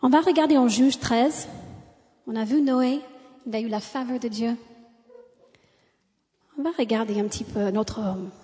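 A woman preaches in French with an American accent, as a native English speaker. Her voice is high and mellow, carried by long hall reverb. She delivers a sermon in an exclamatory way, dotted with amens and hallelujahs. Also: unhurried, long pauses. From United States.

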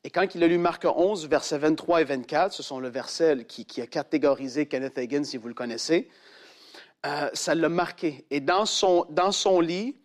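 A man preaching, telling a testimony dramatically and acting out the quoted voices. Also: moderate pace. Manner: animated storyteller who acts out quoted voices in a much higher pitch. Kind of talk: sermon storytelling.

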